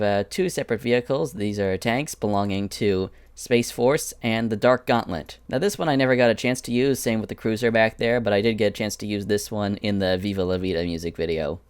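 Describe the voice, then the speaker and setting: A man's voice: fairly low pitch, clean tone, no room sound. A man giving a casual, chatty walkthrough of his animation sets, drifting into asides as he goes. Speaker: animator showing his Minecraft prop world. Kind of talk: casual screen-recorded walkthrough.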